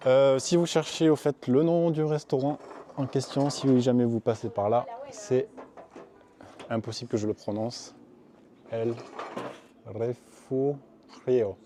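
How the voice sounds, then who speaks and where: A man's voice: medium pitch, steady tone, moderate pace, mellow, a little hiss or hum. A man talking casually to camera in a travel vlog, upbeat and thinking aloud as he walks around town and eats on a terrace. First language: French. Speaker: vlogger. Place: outdoors in a small town, street and terrace.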